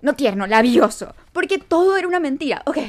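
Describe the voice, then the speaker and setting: A young woman telling a storytime to camera in an animated, self-mocking way. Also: sits high, brisk. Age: young adult. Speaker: vlogger.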